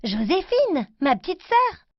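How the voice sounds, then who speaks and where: A woman voicing an excited, chatty little girl in a children's storybook reading, with high childlike lines. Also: slow pace, no room sound, muffled recording, full character voice. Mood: insistent.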